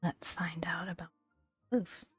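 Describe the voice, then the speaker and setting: A woman with a lowish voice and level tone reads game entries for a gaming video in soft-spoken ASMR, breathy and often near a whisper, with small asides. She moves unhurriedly, pausing long and gently between phrases. Faint music sits beneath the close, very dry recording.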